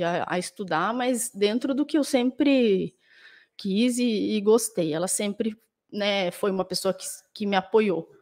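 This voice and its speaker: A woman dentist and author answering interview questions, thoughtful and full of restarts and tag questions, with a Brazilian accent. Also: mid-range voice. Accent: Brazilian Portuguese.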